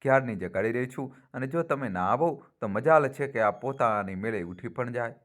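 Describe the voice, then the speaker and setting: A man's voice: medium pitch, expressive, normal speed, close to an everyday voice. A man voicing a young wife who bickers playfully with her husband in a storybook reading.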